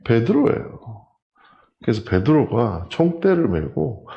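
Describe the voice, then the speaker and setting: Male pastor, very animated delivery, acts out dialogue, echoey church room. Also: medium pitch, unhurried, gravelly, lo-fi sound. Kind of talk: sermon. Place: church sanctuary.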